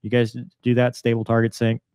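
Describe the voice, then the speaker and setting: This man in his forties hosts with casual, conversational explanations full of pilot jargon, drawing on his past as a fighter and airline pilot. He talks from a small room at home over a video call in a monotone, medium-pitched voice that moves a little fast. His tone is darkish, clear and resonant, with no echo and studio-quality sound.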